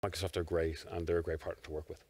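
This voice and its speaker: Deep-voiced casual game developer. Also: male voice, level tone, racing, a little mellow. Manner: casual, full of "like" and "uh". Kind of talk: live stream interview.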